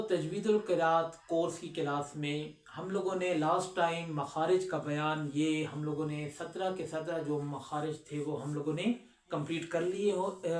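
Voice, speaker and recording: A man teaching recitation rules, who recites verses slowly and drawn out between quick explanations and asks his students questions. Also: fairly high pitch, roomy sound. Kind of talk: recorded lesson with slow recitation.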